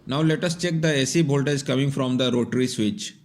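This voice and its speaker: A man with a medium-pitched voice delivers brisk, scripted repair-tutorial narration. He walks through each step in a plain, methodical way.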